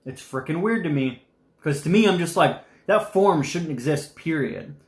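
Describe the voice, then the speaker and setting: A young man with a slightly high voice chats loosely on a live stream, rambling from point to point with animated energy. He sometimes talks through a mouthful of food. The sound bounces around an echoey room. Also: normal speed. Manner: rambling, animated, eating while talking. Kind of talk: casual live-stream chat.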